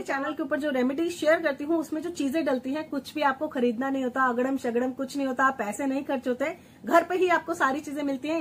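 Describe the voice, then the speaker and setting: High-voiced woman vlogging home remedies. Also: slight background noise. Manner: warm sisterly address, repeats words for emphasis. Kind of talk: chatty beauty tips vlog. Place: at home, grinding and sieving while she talks.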